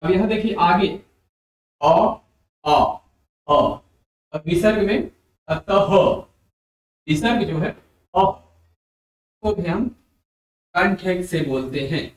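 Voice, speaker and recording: A man teaching a Hindi grammar lesson for exam preparation, explaining slowly and repeating letters and sounds aloud for his students. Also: high voice. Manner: addresses viewers as dear friends. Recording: very echoey room.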